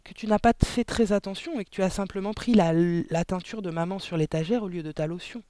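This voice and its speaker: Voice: mid-range voice, lively intonation, quick pace, warm tone, dry recording, pitched above the performer's own voice, close to an everyday voice. A reader voicing a composed, sly little girl who speaks in a level tone in an audiobook. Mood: calm. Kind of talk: audiobook reading.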